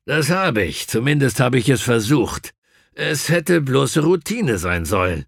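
A man voicing a stiff, irritable older army officer in an audiobook, brisk and gruff. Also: mid-range voice, sing-song, no echo, studio quality, pitched above the performer's own voice, heavily acted.

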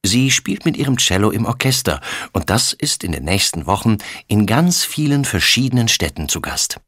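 A man reads a children's story aloud in a low, somewhat husky voice. His delivery is expressive, with a wide, animated melody. The recording is dry and close, with no room sound. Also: moderate pace, no room sound. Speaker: audiobook reader.

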